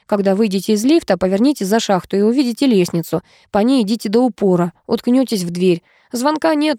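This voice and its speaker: A woman voicing a sprightly elderly neighbor who gives brisk directions and sounds doubtful. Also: a little high, dark tone, dry recording, studio quality. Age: older. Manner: brisk, skeptical.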